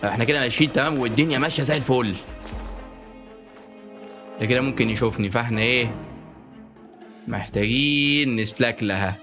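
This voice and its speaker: A man with an Egyptian Arabic accent giving joking let's-play commentary, often bursting into panicked repeated shouts. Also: mid-range voice, brisk, long pauses. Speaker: gaming YouTuber. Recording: game music playing underneath.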